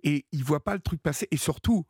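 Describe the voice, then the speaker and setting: A man's voice: fairly high pitch, brisk, darkish tone, slightly rough, no echo, clean studio sound. A man hosting a late-night call-in radio show, talking in a hesitant, encouraging way with many fillers. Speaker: radio host.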